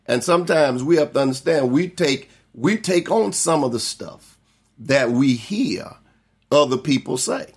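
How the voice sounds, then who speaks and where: A man's voice: mid-range voice, animated, a little slow, slightly rough. Middle-aged pastor, man, teaching a Bible study through homespun stories, voices the people he quotes. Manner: folksy storytelling, acts out quoted relatives.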